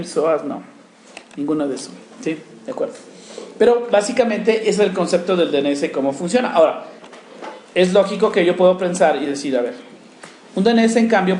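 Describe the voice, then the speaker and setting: A man's voice: fairly high pitch, darkish tone. A man teaching a networking class, walking students through a live command-line demo and checking in with them after every step. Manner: constant check-ins with the class, talks while typing commands. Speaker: networking instructor. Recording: echoey classroom with faint room noise.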